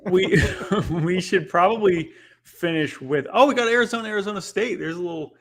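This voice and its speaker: A man co-hosting a casual talk show, laughing often and talking in a brisk, playful way. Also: sits high, a bit bright. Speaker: co-host. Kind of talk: casual chat.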